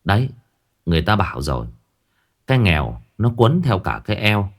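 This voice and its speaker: A man narrating a horror story in an expressive, colloquial way. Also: on the low side, brisk.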